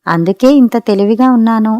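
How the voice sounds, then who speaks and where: A woman's voice: a little high, fairly quick, warm tone, dry recording, lightly acted. Woman narrator doing a coaxing young wife, stubborn, playful, dry close sound. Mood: boastful. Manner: coaxing, wheedling.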